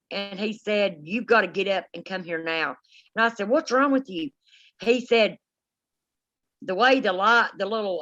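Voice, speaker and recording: A dull, lo-fi recording of a middle-aged woman hosting a paranormal live stream. She talks in a folksy, informal way at a medium pitch, like casual storytelling for viewers. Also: a bit bright.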